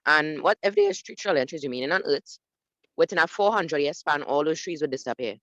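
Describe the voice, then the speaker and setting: A man's voice: a little high, sing-song, brisk, fairly bright tone, no room sound, low-quality recording. Male participant reading aloud over a call, careful, self-correcting, dry sound. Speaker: lesson participant. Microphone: video call.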